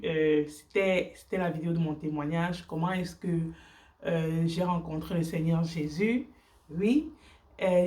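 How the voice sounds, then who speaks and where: A native English speaker, a woman with a lowish, warm voice shares her faith on a casual vlog in earnest but halting French. She uses many fillers and restarts and sounds far from the mic.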